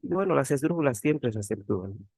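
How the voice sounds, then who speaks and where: A man's voice: mid-range voice, expressive, fairly quick, vocal fry, a little mellow, slightly rough, dry recording. A man teaching an online grammar class as a teaching assistant, repeating key words and asking tag questions. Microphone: computer mic on a video call.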